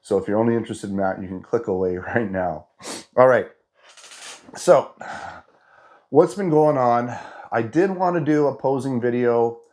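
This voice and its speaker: Fairly low and a bit mellow, this man's voice is thick and nasal from a head cold. He's a fitness vlogger in his fifties, chatting through an update in a rambling way, full of restarts and "you know."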